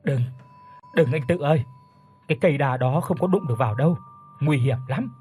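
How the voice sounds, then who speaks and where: A man's voice: fairly high pitch, a little fast, darkish tone, slightly rough, faint music behind. A man voicing a frightened older village man who stammers in panic, in a spoken ghost story. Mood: fearful.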